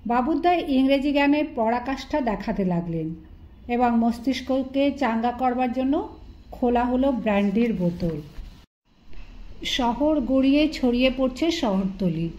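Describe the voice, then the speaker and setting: Woman audiobook narrator, high voice, steady literary telling, dull lo-fi sound. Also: measured pace. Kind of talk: scripted narration.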